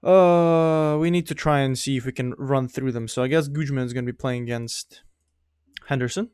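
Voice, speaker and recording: Steady and smooth at a normal speed, the mid-range, darkish voice belongs to a young gaming YouTuber who isn't a native English speaker. He gives rambling commentary on his own game, often laughing at himself. There's no echo, and the sound is studio quality.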